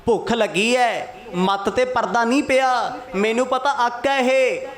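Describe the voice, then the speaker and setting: A man's voice: very high voice, measured pace, fairly bright tone, pitched above the performer's own voice. A man voicing a starving, desperate grown man who begs and complains to his master in a whiny, sulky way. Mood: desperate pleading. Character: starving desperate grown male companion, pleading.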